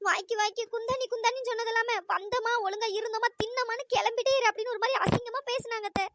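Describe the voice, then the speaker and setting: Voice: very high-pitched, steady tone, fast, background noise. A performer voicing a scheming young woman who complains to her aunt in a cartoon. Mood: whining. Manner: complaining, pleading. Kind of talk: cartoon voice acting.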